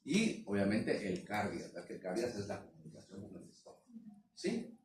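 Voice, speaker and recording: A man teaching a veterinary anatomy class, pausing often to check that students follow. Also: lowish voice, very animated. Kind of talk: classroom lecture. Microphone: distant room mic. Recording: echoey room from far off, some noise.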